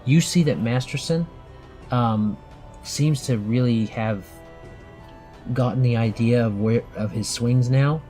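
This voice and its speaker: A patient father narrates a tabletop game as game master, explaining the rules slowly to a child. His voice sits in a middle register, and there is faint music underneath. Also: mid-range voice, warm tone.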